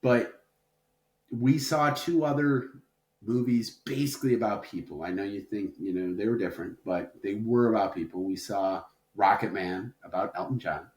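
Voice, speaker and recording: A man's voice: lowish voice, steady tone, moderate pace, a little mellow. A man co-hosting a podcast in a casual chat, rambling and playfully dramatic, with lots of filler words. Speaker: podcast co-host. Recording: roomy echo.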